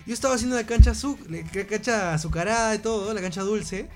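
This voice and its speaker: High-voiced man telling a story. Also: fast talker, soft background music. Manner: slangy, laughing storyteller. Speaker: co-host. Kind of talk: casual chat, anecdote telling.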